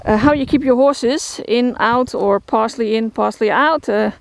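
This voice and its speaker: Out in a rural field with crickets chirping and outdoor noise behind her, a horse shelter keeper from the Netherlands gives a casual vlog tour of her horses. She speaks with a Dutch accent, a fairly high pitch and normal speed, with no echo, rambling through lots of fillers and restarts.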